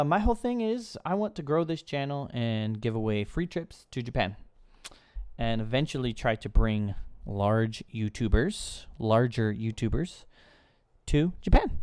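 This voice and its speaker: A man's voice: medium pitch, a little mellow, clean tone. A young man hosting a casual live stream, chatting loosely with viewers while snacking at a table. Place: indoors at a table, eating snacks.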